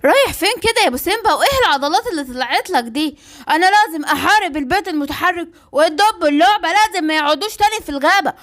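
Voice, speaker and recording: Cartoon lion cub, small and pleading, played by a woman; very high, quick, Egyptian accent. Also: animated, fairly bright tone. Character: young lion cub, worried child.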